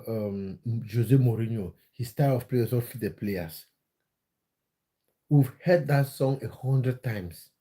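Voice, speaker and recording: A Cameroonian man hosts a casual football livestream, reading his viewers' chat comments aloud and answering them. His medium-pitched voice sounds mellow and dark. He hesitates a lot, filling gaps and repeating himself as he thinks.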